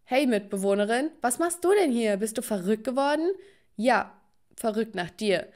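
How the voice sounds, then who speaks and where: A woman's voice: on the high side, animated, moderate pace, darkish tone, lightly acted. A woman voicing a teenage boy, the narrator's casual, teasing boyfriend. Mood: affectionate. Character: teenage boyfriend, shifting and evasive.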